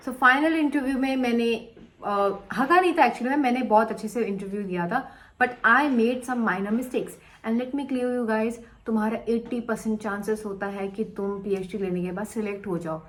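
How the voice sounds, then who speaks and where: A woman's voice: fairly high pitch, a bit bright, low-quality recording. A young woman talking casually to camera as a vlogger, chatty and blunt, mixing in English phrases. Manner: chatty, mixes Hindi and English, blunt slang.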